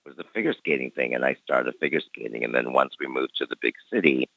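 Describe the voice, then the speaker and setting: A man in his forties who grew up in Canada talks easily about his dance career as a guest in a casual interview. He has a creaky bass voice and speaks fast. The recording is dry, dull, and lo-fi, with no echo.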